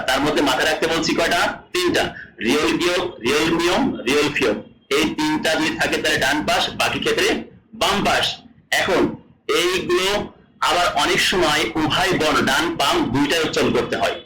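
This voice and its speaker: A man's voice: a little high, pushed and bright, echoey room, rough recording. A man from Bangladesh teaching a language lesson, repeating each rule and quizzing his students as he explains. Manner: repeats rules and asks the class questions.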